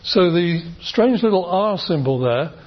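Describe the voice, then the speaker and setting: British man lecturing on phonetics, husky. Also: high-pitched, expressive, a little slow. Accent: British English. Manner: explains patiently, many fillers and restarts, demonstrates sounds. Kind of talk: university lecture. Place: lecture room. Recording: dull lo-fi lecture recording.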